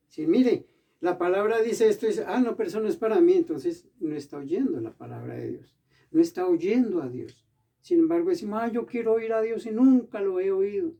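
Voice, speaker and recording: A man preaching a sermon in a church, with emphatic bursts, slowing down to read scripture aloud. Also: on the high side, mellow, recorded from a distance.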